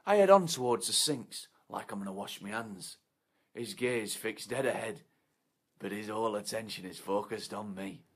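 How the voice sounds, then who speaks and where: An actor playing a foul-mouthed, menacing man obsessed with his disco night, swinging from hushed whispers to shouts. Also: fairly low pitch, moderate pace, slightly rough. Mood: scornful. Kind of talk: short film monologue.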